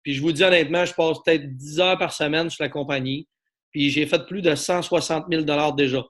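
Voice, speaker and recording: A man with a Québécois French accent gives a business presentation to an online audience. His voice sits a little high, and he keeps pulling listeners in with rhetorical questions and drives his pitch with steady salesman energy. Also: brisk. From Quebec. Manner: persuasive, asks the audience for agreement, many fillers. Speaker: network marketing presenter.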